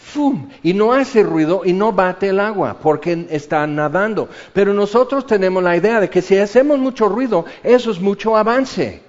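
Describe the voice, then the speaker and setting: A man preaching a sermon in a somewhat high voice. He is animated, swinging from loud, excited stretches to quiet, hushed ones. The recording has a dull, lo-fi sound. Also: normal speed, hardly any pauses.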